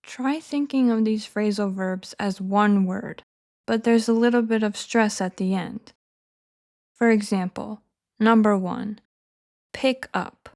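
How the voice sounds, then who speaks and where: A woman narrating a scripted English lesson in a clear, measured, encouraging teaching manner. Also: medium pitch, darkish tone.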